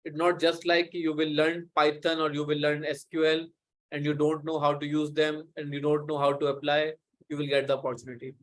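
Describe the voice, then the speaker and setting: A man teaching a live class over a video call, his pitch a little high but held fairly flat. He rambles through his explanation and keeps restarting sentences as he talks it through. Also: brisk. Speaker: instructor. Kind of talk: live online lecture.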